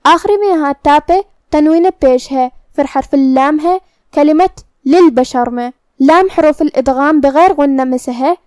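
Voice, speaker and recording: A woman's voice: high voice, a little mellow, no room sound, studio quality. A woman teaching Quran recitation rules step by step, explaining how each letter is pronounced in a methodical way. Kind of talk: tajweed lesson, explaining then reciting slowly.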